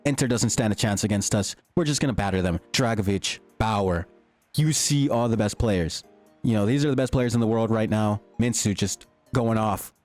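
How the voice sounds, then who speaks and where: A young man giving excited, slangy commentary over his own gameplay, his voice starting to go. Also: fairly low pitch, normal speed, soft background music. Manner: hyped, slangy, swings between joking and shouting. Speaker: gaming YouTuber. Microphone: desktop mic, peaking.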